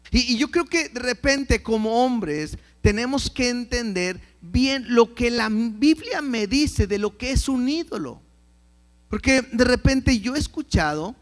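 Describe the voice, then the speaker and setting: A man's voice: high voice, fairly bright tone. A man preaching a Bible lesson, reading scripture aloud and often repeating words as he starts a phrase. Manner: reads scripture aloud and acts out quoted believers. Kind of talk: Bible teaching sermon.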